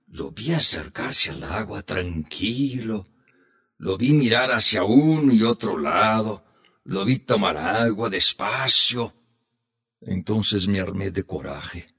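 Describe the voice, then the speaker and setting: A man reads as an old grandfather, spinning a hunting tale for the kids. The voice is low and very husky, and it swings widely in pitch as he slows down for the tense moments of this storybook tale. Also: fairly bright tone, exaggerated voice. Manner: slow, heartfelt storytelling. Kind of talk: storybook reading.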